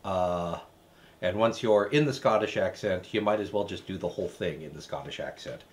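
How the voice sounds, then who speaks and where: A man's voice: low-pitched, moderate pace. A man hosting a recipe show, tasting a dish with dry, hesitant, wry asides. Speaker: cooking show host. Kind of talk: casual recipe review.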